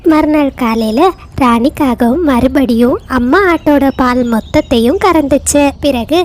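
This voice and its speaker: Woman, high voice, children's storybook narration, steady pace. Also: a little slow, a little hiss or hum.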